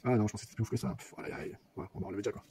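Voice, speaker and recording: A man's voice: lowish voice, steady tone, very fast, mellow, a little hiss or hum. A man casually talking viewers through opening card packs, hesitant and repeating his words, with a slight stammer and an accent. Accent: non-standard French accent. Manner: chatty, often addresses viewers directly. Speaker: card-opening channel host. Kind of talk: casual unboxing commentary. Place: office.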